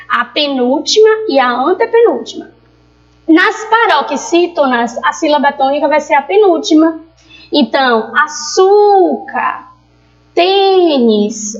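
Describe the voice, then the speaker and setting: A woman with a Brazilian Portuguese accent, teaching a recorded grammar lesson in a patient, explanatory way and drawing out example words. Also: high voice. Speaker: primary school teacher. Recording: dull lo-fi recording.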